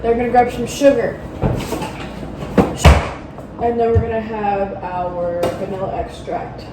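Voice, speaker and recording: A woman's voice: medium pitch, measured pace, far from the mic. A woman vlogging casually at home, rambling and poking fun at herself with plenty of ums. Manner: rambling, self-mocking, lots of ums. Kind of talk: casual cooking vlog chat. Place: home bathroom and kitchen. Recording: roomy, from off-mic, household noise.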